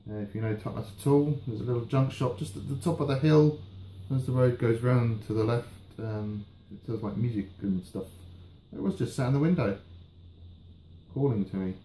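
A British man in his thirties chatting casually and haltingly in a relaxed, rambling review, often trailing off. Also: medium pitch. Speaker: pipe tobacco reviewer. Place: indoors, small room at home. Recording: roomy echo, faint background noise.

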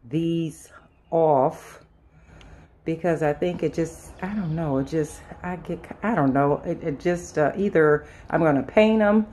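Inside her house, moving through the rooms and onto the sun porch, a woman home and lifestyle vlogger gives viewers a casual house tour. Her low, mellow voice comes with a little hiss or hum, and she speaks haltingly and off the cuff, frequently doubling back on what she said.

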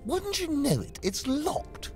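A man's voice: very high-pitched, very animated, slow pace, soft background music, voice pushed up, full character voice. A man voicing an impatient, greedy young girl for a comic storybook game, in a prim, theatrical, whiny way. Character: frightful young girl trapped in a snow globe, impatient and greedy.

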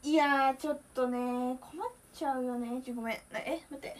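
A young woman in her twenties, chatting casually on a solo livestream, emotional and talkative, moving from loud bursts to hushed asides. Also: sits high, brisk. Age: 20s. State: near tears at times. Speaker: idol streamer.

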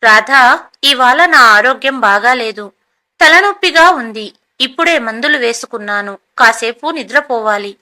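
A weary older mother from a storybook tale talks in a tired, dismissive way, as a woman narrator voices her. The voice is high and bright. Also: lively intonation, measured pace, full character voice.

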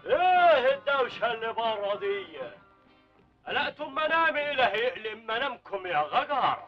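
A man's voice: very high-pitched, big pitch swings, moderate pace, distant mic. An actor with an Egyptian Arabic accent playing a grumpy old man who complains and pleads in an old film comedy. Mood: grumbling. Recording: dull old film soundtrack with music.

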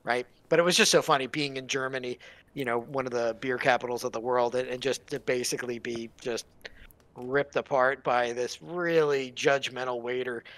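A middle-aged man with a bright, forward voice tells loose, rambling stories in casual conversation. He wanders off on tangents, apologizes, and laughs at his own anecdotes. The sound is close and dry, with no room in it. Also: medium pitch, fairly even intonation, moderate pace, no room sound. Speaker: guest game developer. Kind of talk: casual chat.

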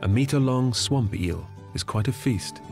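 A man reading scripted nature documentary narration in a measured storytelling manner. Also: mid-range voice, lively intonation, vocal fry. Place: studio voice-over. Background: background music.

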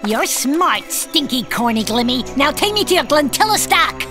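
A woman's voice: high-pitched, sing-song, moderate pace. A woman voicing a spiteful, scheming witch in a children's cartoon, with theatrical, sneering taunts and music behind her. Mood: sneering, menacing. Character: spiteful, scheming female witch who hates happiness.

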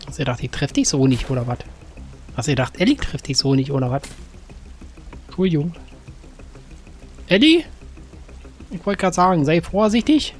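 A man giving casual gameplay commentary, chatting to game characters with sudden excited outbursts. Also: fairly high pitch, fast, long pauses. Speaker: gaming let's-player. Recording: faint game music behind.

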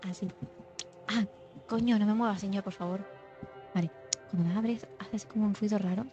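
Steady in tone and moderate in pace, this young woman's mid-range voice carries casual gameplay chat as she streams, with muttering asides and occasional dips into a mock ASMR hush. The audio is slightly dull, with faint music underneath.

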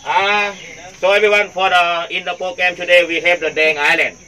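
A tour guide with a Thai accent, his voice muffled by a face mask, explains the day's plan to a group in simple, broken English. His tone is bright and forward and sits a little above the usual male pitch. He keeps circling back to the same points and tags them with "right?". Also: level tone, normal speed. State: speaking through a face mask. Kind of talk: briefing a boat tour group.

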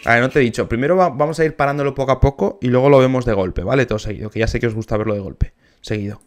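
A man's voice: mid-range voice, very fast, soft background music. Eager man reacting to a clip. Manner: enthusiastic, sings short snatches to demonstrate. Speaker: musician reacting to videos. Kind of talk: casual reaction commentary.

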